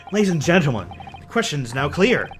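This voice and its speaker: An earnest young game lawyer voiced by a streamer, making formal courtroom speeches. The delivery is animated, with music clearly behind it. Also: medium pitch, fast, natural voice.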